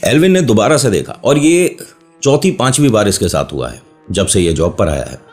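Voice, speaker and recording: A storyteller host tells a horror story in a casual, chatty way, often stopping to joke with his listeners and wander into playful digressions. His voice is fairly low and darkish, with lively intonation and a moderate pace, over soft background music.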